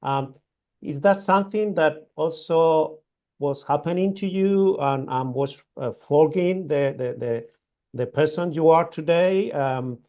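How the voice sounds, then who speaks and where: Slow, hesitant male interviewer. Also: fairly high pitch, dull audio. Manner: hesitant, many fillers and restarts. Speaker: host. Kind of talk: interview questions.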